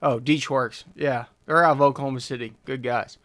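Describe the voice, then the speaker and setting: In a casual stream, a male host takes engine-tuning questions from the chat, reading them aloud and pondering his answers with frequent filler words. He speaks at a moderate pace in a medium-pitched, fairly bright voice with fairly even intonation.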